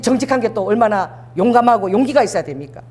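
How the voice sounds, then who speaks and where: A high-pitched, middle-aged woman pastor preaching with strong emphasis. Her voice leaps widely from line to line, and she has the congregation repeat lines after her. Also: lively intonation, fast talker, a little mellow. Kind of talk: sermon.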